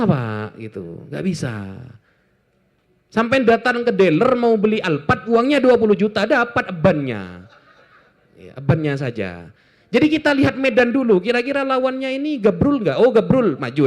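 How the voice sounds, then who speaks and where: A man from Indonesia, talking informally to an audience in a joking, animated way with lots of asides. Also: high-pitched. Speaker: Islamic apologetics speaker.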